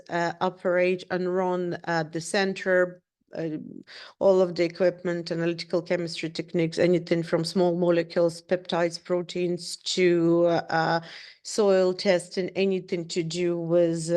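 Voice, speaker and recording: A middle-aged woman from Ukraine, not an English speaker, giving a halting presentation on a video call with many fillers and restarts. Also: lowish voice, darkish tone, clear, resonant tone. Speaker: researcher presenting at an online event.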